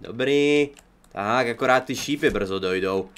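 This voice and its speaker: A young man, commentating his own survival game playthrough, chatty and joking, with excitable outbursts. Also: medium pitch, smooth. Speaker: gaming YouTuber. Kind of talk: let's play commentary.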